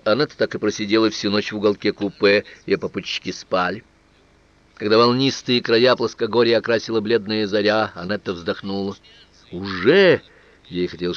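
A man narrating a literary novel as an audiobook reader, in a calm, measured, expressive manner. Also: lowish voice, no echo. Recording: dull, dry, lo-fi studio recording.

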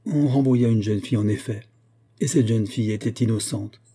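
A man's voice: on the low side, moderate pace, warm tone, slightly rough. A man voicing a remorseful, indignant young noblewoman in an audiobook, pleading earnestly. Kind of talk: audiobook character voice.

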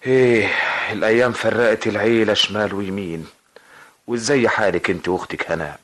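A man playing an older, weary and gentle uncle in a vintage radio drama, speaking slowly with sighs. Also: fairly low pitch. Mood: kindly. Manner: slow, kindly, sighing. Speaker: visiting uncle.

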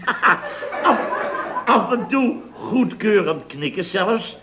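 An actor playing a jovial man who retells a mishap in an animated, chuckling way, in 1960s radio comedy acting. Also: high voice, slow pace, slight background noise, heavily acted. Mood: amused. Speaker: worker at a building firm.

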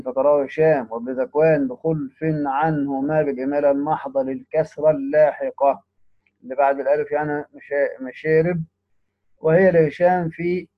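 A man reads a classical text at a brisk clip, stopping for short plain as he teaches. His voice sits somewhat high for a man. The recording is dull and lo-fi, with a dry, close sound. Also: no echo. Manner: reads quoted text, then adds brief plain comments. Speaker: teacher of Quran readings. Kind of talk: reading and explaining a classical text.

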